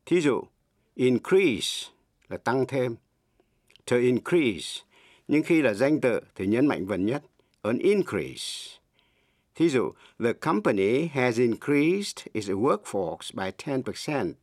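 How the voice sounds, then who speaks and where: A middle-aged man teaching English in Vietnamese, a native Vietnamese speaker who explains slowly and spells words out letter by letter. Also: mid-range voice, expressive, no echo, studio quality. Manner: slow, deliberate, spells words letter by letter and repeats examples.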